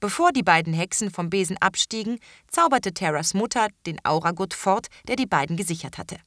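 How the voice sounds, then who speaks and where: Lively woman narrating a story. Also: mid-range voice, fairly quick, no room sound, clean studio sound. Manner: lively, expressive reading. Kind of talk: audiobook narration.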